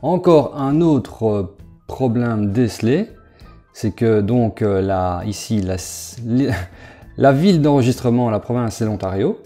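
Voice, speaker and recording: Dark-voiced man in casual commentary. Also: mid-range voice, animated, soft background music. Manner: chatty, talks straight to the viewer, halting with fillers. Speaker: crypto investment YouTuber. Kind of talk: casual screen walkthrough commentary.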